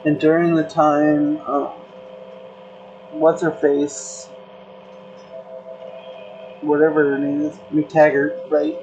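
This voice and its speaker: Creator rambling in a relaxed chat, lots of fillers, slow pace, faint background music. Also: mid-range voice, muffled recording. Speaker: content creator. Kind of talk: casual chat.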